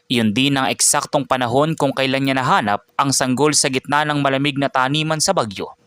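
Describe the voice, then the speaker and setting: A man's voice: mid-range voice, brisk, fairly bright tone, smooth, no echo, clean studio sound. A man narrating a dramatic scripted story as the show's storyteller.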